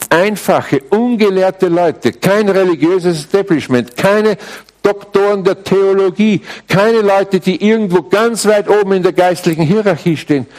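A man preaching a sermon to a live congregation, emphatic and deliberate, with wry asides to his listeners. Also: fairly high pitch. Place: church service before a live congregation.

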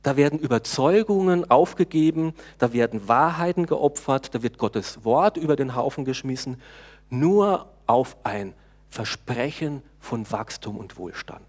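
A male preacher delivering a sermon with a relaxed, talking-to-the-congregation manner. He hesitates now and then, restarts a phrase, and puts questions to his listeners. His voice sits at an ordinary middle pitch for a man. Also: a little slow. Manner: conversational preaching, talks to the congregation, frequent hesitations.

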